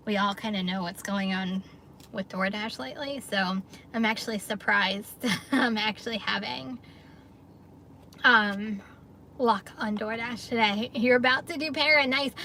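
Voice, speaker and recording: A middle-aged woman from the New York area, a gig delivery driver, hosts a casual livestream from her parked car. Her mid-range voice is bright and forceful as she reads viewer comments, chatting upbeat and laughing often, over a little hiss or hum.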